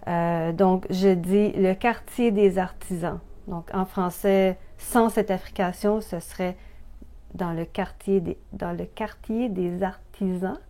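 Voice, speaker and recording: Mellow Québécois woman explaining pronunciation. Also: on the low side, fairly even intonation, slow. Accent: Québécois French. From Canada. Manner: clear, patient, repeats examples. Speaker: language video presenter. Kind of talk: explanatory language lesson.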